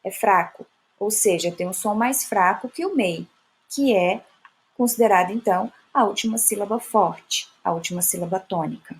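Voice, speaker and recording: A woman teacher giving a classroom lesson on poetic meter, patiently explaining and stretching out example words slowly. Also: medium pitch. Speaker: Portuguese teacher.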